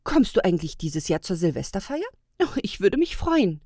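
A cheerful older gnome woman who works a mail train, chatty and friendly, her voice lifting high and loud with cheer, as a woman narrator puts her on. Her pitch leaps around a lot, and the reading is close and dry. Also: big pitch swings, moderate pace, dry recording.

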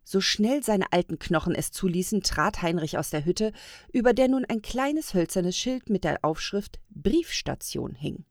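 A woman narrating a fairy tale in a calm, measured reading. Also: mid-range voice, no room sound, clean studio sound. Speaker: storyteller. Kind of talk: storybook narration.

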